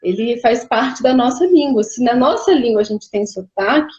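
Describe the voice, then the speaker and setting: A woman's voice: a little high, animated, normal speed, darkish tone, echoey room, dull audio. Woman explaining, hesitant. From Rio de Janeiro, Brazil. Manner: explains patiently, many hesitations. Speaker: linguist guest. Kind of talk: explanatory conversation.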